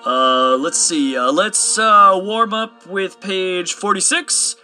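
Man playing a slow, high-voiced band leader. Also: pushed and bright, faint music behind, exaggerated voice. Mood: obliging, hesitant. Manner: hesitant, halting. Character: hesitant, obliging wedding band leader.

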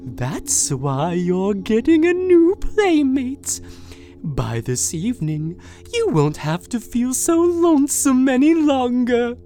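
A woman's voice: a little high, sing-song, slow pace, warm tone, faint music behind. A woman voicing an unhinged, possessive captor in an audio drama monologue, coaxing and sing-song one moment and screaming with rage the next. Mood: sweetly creepy. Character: unhinged possessive captor, sweetly menacing villain.

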